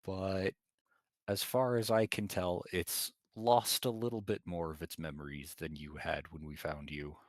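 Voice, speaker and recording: A man playing a giant adventurer, low and hesitant. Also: little pitch movement, unhurried, no room sound, studio quality. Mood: reflective. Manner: low-key, rambling and hesitant. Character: male giant adventurer reporting to a spirit.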